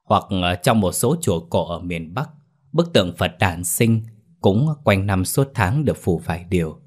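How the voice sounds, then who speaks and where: A man narrating a scripted ghost story in a steady storytelling delivery. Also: low-pitched, normal speed, husky. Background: faint music.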